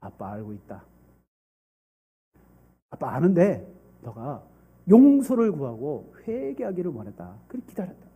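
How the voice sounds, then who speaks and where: A gentle, forgiving father speaks softly and calmly, as a pastor acts him out in a sermon. His voice is mellow and a little husky. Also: normal speed, heavily acted. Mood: tender. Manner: soft, low, calm.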